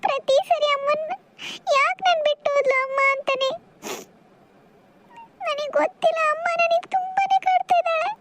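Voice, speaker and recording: A woman voicing a gentle, grieving young village girl in a cartoon, soft-spoken. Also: very high-pitched, steady tone, normal speed, pauses often, heavy background noise. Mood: sad. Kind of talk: cartoon voice acting.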